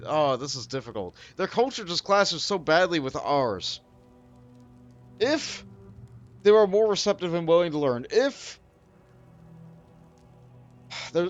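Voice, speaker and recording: A man talks through his game choices in a casual, thinking-aloud way, his pitch swinging up and down. The sound is a little dull, with faint game music underneath. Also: normal speed, pauses often. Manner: thinking aloud, animated, with many fillers. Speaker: let's play host.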